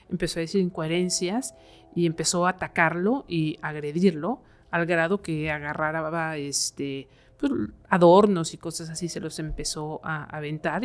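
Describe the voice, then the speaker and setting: A woman, a podcast guest, telling a horror story in a conversational way, full of fillers. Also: low voice. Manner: conversational, many fillers like "eh" and "este".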